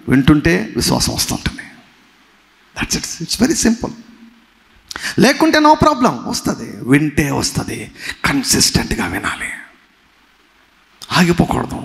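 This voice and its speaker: Pastor, man, emphatic sermon with big swings in pitch, slightly raised voice, long reverb of a church hall. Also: gravelly. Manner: emphatic preaching, swinging from soft to loud; mixes in English phrases.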